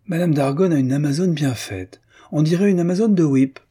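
A snobbish society man who gushes with admiration, as a man puts him on. The voice jumps high above the reader's low register, with a husky grain. It is an audiobook reading. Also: very animated, moderate pace, dark tone. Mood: gushing. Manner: effusive, admiring.

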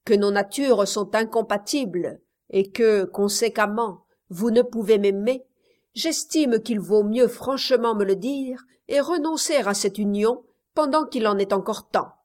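A vain young village man snaps his words out curtly, cold and impatient, as a woman reader puts him on. The storybook voice keeps a proud, dismissive edge. The lines come slowly but with a clipped chill. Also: a little high, a little mellow, lightly acted. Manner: curt, impatient delivery.

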